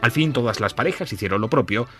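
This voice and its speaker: A man narrating a classic Christmas story in a measured, storytelling way. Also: medium pitch, animated, pushed and bright, faint music behind. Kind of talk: scripted narration.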